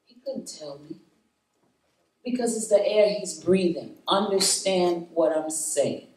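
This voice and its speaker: A woman speaking to a live roundtable group, animated and preachy, laughing often and calling out to her audience. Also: lowish voice, slow. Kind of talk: spirited talk to a live group. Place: meeting room with an audience. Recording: echoey room, voice from far off.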